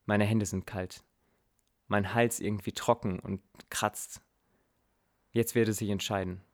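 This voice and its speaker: A man's voice: fairly low pitch, steady tone, unhurried. A man narrating a dramatic story in the first person, earnest and reflective, with blunt casual swearing.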